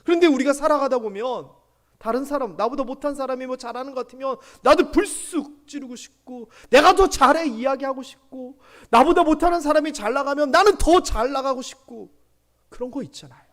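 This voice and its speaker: A man's voice: very high voice, expressive, normal speed, a bit bright. A man in his forties preaching a sermon in a church, telling stories with animation, asking the congregation questions and dropping to whispered asides. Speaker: pastor. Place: church sanctuary.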